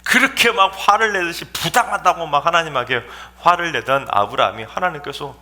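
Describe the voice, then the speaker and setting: Man, pastor, sermon, emphatic rhetorical questions, bright tone, church. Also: fairly high pitch, fairly quick.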